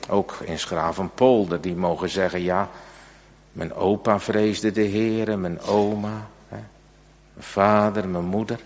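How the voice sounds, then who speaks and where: A man preaching an earnest, emphatic sermon in a church. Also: sits low. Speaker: pastor. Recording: church hall reverb.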